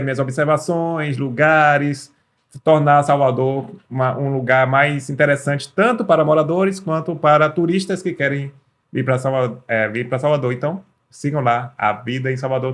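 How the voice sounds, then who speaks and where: A man's voice: medium pitch, fairly bright tone. A man, a content creator guesting on a podcast, friendly and joking. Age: 40s. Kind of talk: casual interview chat.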